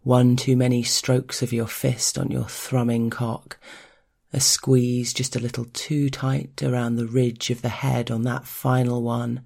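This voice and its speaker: An intimate narrator with a creaky, gravelly edge and a middling pitch. The delivery is measured and deliberate, telling an erotic first-person story as if to a single listener. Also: little pitch movement, a little mellow.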